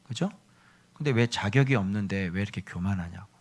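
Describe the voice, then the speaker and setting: A male pastor preaching a sermon in an emphatic, scolding way, swinging between loud bursts and whispers and acting out quoted prayers. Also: on the low side, a little fast, husky. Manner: acts out quoted prayers and speech.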